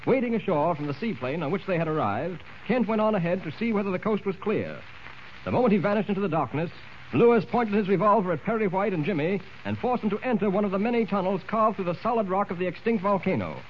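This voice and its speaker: A man's voice: sits high, expressive, fast. A man narrating an old 1940s radio drama in a dramatic storytelling manner. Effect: old-time radio broadcast sound. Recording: muffled old 1940s radio recording with hiss.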